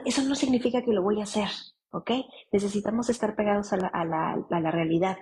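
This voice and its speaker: A middle-aged woman psychologist, calmly explaining steps to parents and often checking in with "ok?". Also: medium pitch, breathy edge, poor audio. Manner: calm, repeats "¿ok?" to check in.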